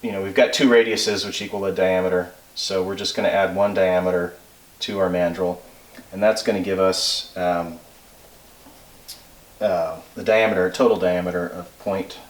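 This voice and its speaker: A man giving an informal technical explanation, working through figures aloud in a halting, self-checking way. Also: deep voice, fairly even intonation. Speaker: instructor. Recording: roomy echo, distant microphone.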